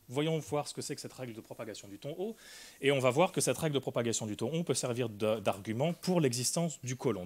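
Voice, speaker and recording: A man presents an academic talk in a careful, explanatory way. His voice sits at an ordinary middle pitch. He pauses often, filling gaps with hesitations and restarting phrases. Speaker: linguistics lecturer.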